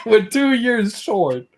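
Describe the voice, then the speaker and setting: A man's voice: extremely high pitch, heavy background noise. A young man in his twenties co-hosting a casual livestream chat, hesitant and stammering, laughing often. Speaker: co-host.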